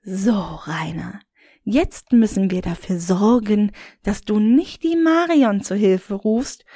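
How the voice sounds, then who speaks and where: A cruel whip-wielding woman, as a female reader puts her on. She speaks low and slow with quiet menace. The sound is dry, with no room around it. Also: expressive, no room sound. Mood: menacing.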